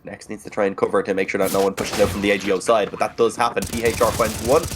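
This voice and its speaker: A man's voice: fairly low pitch, level tone, very fast, noisy background. A man working as an esports caster, giving live play-by-play commentary in long, running present-tense sentences.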